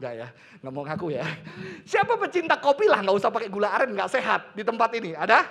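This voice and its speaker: High bright voice, middle-aged guy from indonesia preaching, super lively, tosses in english words and slang. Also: fast. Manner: animated preaching, mixing in English phrases and casual slang. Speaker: pastor. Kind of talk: sermon.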